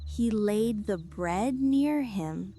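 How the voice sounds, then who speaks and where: A woman's voice: medium pitch, lively intonation, drawn-out words, warm tone. A woman reading a bedtime fairy tale as a storyteller. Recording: music behind the voice. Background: music.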